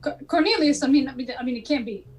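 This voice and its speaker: A woman's voice: sits high, fast talker, a little mellow, lightly acted. A woman playing an anxious housemate in an improv comedy scene, flustered and repeating herself as she gets worked up.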